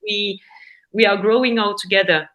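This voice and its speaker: A woman's voice: medium pitch, fairly even intonation, normal speed, fairly bright tone, dull audio. A woman with a French accent, a gallery co-founder explaining her work in a casual interview, earnest and often repeating words. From France.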